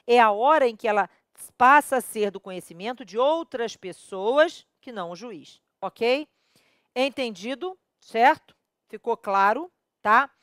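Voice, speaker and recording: A woman's voice: on the high side, lively intonation, fairly bright tone, no echo, clean studio sound. A woman with a Brazilian accent teaching criminal law at a whiteboard, emphatic and constantly checking that the viewer follows. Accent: Brazilian Portuguese. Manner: counts dates aloud, pauses to correct herself.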